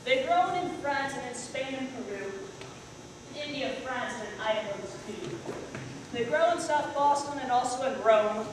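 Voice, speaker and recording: A woman playing a flustered school principal in a stage play, speaking in brisk, declamatory rhymes. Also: sits high, expressive, noisy background. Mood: puzzled. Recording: echoey hall from far off.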